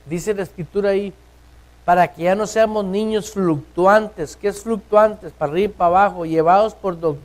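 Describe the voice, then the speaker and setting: A man preaches a sermon in church. He keeps throwing rhetorical questions at his listeners. His delivery rises to loud, urgent stretches and then drops to hushed, slow lines. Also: high voice, poor audio. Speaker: pastor.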